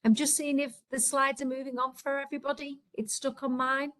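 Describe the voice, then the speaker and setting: This woman speaks with a Scouse accent and presents at a quick clip. She is earnest and practical, with frequent ums and small restarts as she works through her slides. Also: high-pitched, level tone, a bit bright, poor audio. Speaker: healthcare leader presenting. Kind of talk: webinar presentation.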